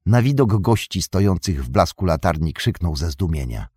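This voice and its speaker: A man narrating a fantasy audiobook in a measured storytelling manner. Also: deep voice, animated, mellow, breathy edge, no echo. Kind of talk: scripted narration.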